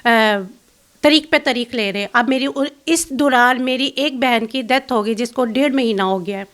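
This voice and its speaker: Bitter, accusing high-voiced woman. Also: fairly bright tone. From Pakistan. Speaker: interview guest. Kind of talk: emotional complaint in an interview.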